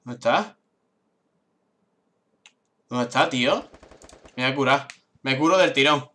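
Young male gaming YouTuber, bright tense tone, repeats words in frantic bursts. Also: medium pitch. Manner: excitable, swears, repeats words rapidly. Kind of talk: live gameplay commentary.

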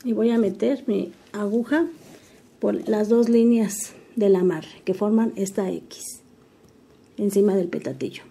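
With a creaky, slightly rough voice of medium pitch, an older woman teaches embroidery at a measured pace. She patiently explains one stitch step by step, calmly narrating while she works.

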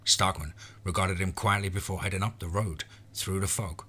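A man's voice: low-pitched, fairly even intonation, normal speed, sharp tone, a little hiss or hum. A man narrating a scripted horror western in the first person, as a storyteller.

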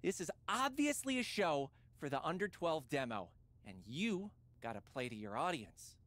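Game cast: a peppy, pushy talent agent, bouncy lively pitch, dry studio sound. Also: female voice, normal speed, no echo. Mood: upbeat. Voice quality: bubbly, salesy. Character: fast-talking showbiz agent Alfie, upbeat. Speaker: game character.

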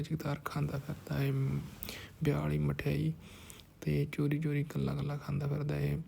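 A man's voice: fairly high pitch, gravelly, mellow, breathy edge. A man narrating a behind-the-scenes shoot in casual, rambling chat, often dropping to whispered asides. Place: village house on a film shoot.

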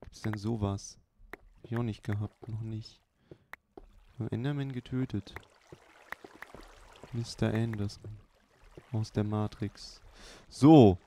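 Male let's play host, relaxed, slow and low, filler-heavy, hissy recording. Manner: unhurried, chatty running commentary with many fillers. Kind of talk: casual gameplay commentary. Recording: clear background hiss.

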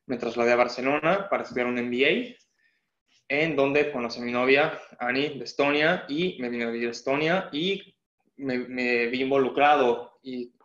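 A young man with a Mexican Spanish accent talks through a webinar presentation, explaining each point earnestly and often pausing to restart his phrasing. His voice sits at an ordinary pitch for a man. The audio is dull and roomy, like a laptop mic on a video call. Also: a bit bright. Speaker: guest presenter. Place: indoor room, on a video call.

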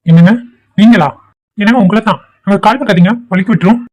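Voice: medium pitch, lo-fi sound, close to an everyday voice. A performer voicing a kind, worried young man in a cartoon, talking anxiously and pleading. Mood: panicked, pleading. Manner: anxious, pleading, talks quickly. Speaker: cartoon character. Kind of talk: Tweencraft cartoon voice acting.

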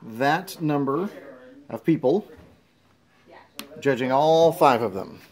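A woman's voice: rumbling low, expressive, takes it slowly, a little mellow. A woman hosting a family taste test on a casual home video, announcing things repeatedly like a game-show host. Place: home dining room with family around a table. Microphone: handheld phone camera.

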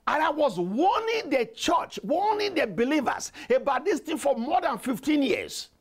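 A pastor preaching a fervent prayer sermon at a church service, repeating commands and praying in tongues. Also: male voice, very high-pitched, big pitch swings, moderate pace. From immigrant to Canada.

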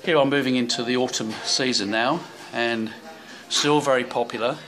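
Over low-quality audio, a man with a mid-range, fairly bright voice and fairly even intonation talks at a moderate pace. He's a travel vlogger holding a camera as he tours a seaside hotel's rooms and the street by the sea, rambling and restarting often amid fillers.

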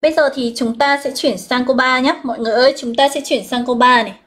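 Vietnamese woman teacher, slightly high voice. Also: steady tone, a bit bright. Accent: Northern Vietnamese. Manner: explains step by step, reads out students' answers, drawn-out key words. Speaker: English teacher. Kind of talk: live online exam review lesson.

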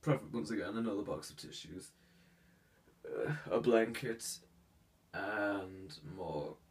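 In an ASMR roleplay, a man plays a haughty young heir who is sick, speaking formally and hesitantly in a stuffy, cold-congested voice. His tone is low and unhurried, and the mic sits a little distant with faint hiss in the background.

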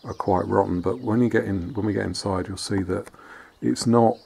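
A farmhouse-restoring vlogger gives a laid-back walking tour, holding the camera himself as he moves outdoors and into a barn, with frequent fillers, pauses and restarts. His voice sits lowish and gravelly, and there's a faint hiss or hum on the audio.

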